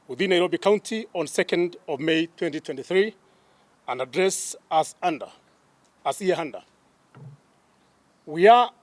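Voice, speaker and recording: A man with a Kenyan accent, a police spokesman reading a formal statement in a deliberate, emphatic way. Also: high-pitched, no room sound. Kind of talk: official press statement.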